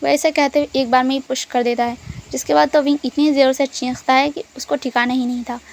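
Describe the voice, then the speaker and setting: A woman's voice: high voice, little pitch movement, fairly quick, slight background noise. A woman casually retelling a story in a chatty way, mixing in English words.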